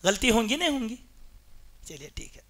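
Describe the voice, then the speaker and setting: A man's very high, bright voice carries a sing-song quality as he delivers a Friday mosque sermon. He hammers his points home and repeatedly poses rhetorical questions to the congregation.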